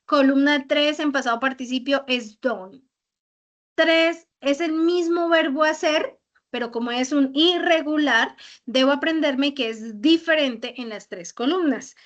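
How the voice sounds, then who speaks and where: A woman with a high voice teaches English grammar online and walks through verb forms patiently. She leans on repeated examples. The audio is a bit dull and lo-fi. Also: unhurried.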